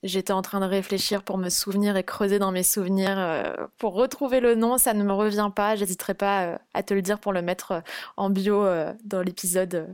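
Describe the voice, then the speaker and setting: A woman's voice: medium pitch, fairly even intonation, fairly quick, darkish tone, clean tone, no room sound. Young woman explaining, dry sound. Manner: explains step by step with frequent hesitations. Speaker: freelance marketing guest. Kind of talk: podcast interview.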